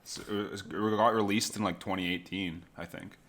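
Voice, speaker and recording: A man's voice: low-pitched, fairly even intonation, normal speed, a bit bright. A young man co-hosting a podcast in casual chat, hesitant and trailing off. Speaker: podcast co-host.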